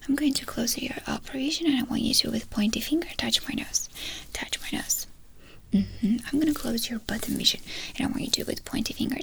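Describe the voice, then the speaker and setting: Woman, fast ASMR, whispered role-play, brisk medical examiner, crackly creaky whisper, instructing. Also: fairly high pitch.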